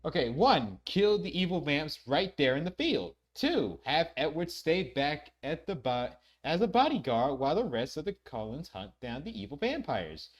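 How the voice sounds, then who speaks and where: A man's voice: fairly high pitch, big pitch swings, normal speed, hardly any pauses. A man chatting playfully as he reacts to a video. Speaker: reaction host. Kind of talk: casual reaction commentary.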